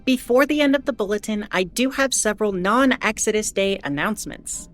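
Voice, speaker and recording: A woman playing a starship captain who gives formal, measured bulletins with dry asides in an audio drama. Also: mid-range voice, lively intonation, faint music behind, lightly acted. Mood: formal, composed. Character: female starship captain reading an official ship bulletin. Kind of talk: scripted in-character announcement, audio drama.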